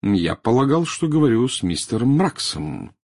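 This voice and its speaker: A man's voice: mid-range voice, lively intonation, moderate pace, dry recording, studio quality, pitched above the performer's own voice, close to an everyday voice. A man reading as a firm, formal ministry official. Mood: guarded. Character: calm, stubborn male ministry official.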